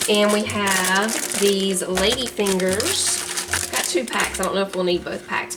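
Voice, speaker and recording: A woman with a Southern US accent, chatting homily through her garden and kitchen in a casual vlog, laughing easily as she goes. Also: mid-range voice. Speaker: home cook and gardener, channel host.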